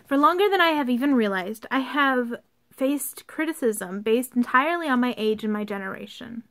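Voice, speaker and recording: High-voiced young woman vlogging in a basement. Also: lively intonation, normal speed, fairly bright tone. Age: young adult. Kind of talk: informal video rant, partly read from notes. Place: unfinished basement used for storing workout equipment.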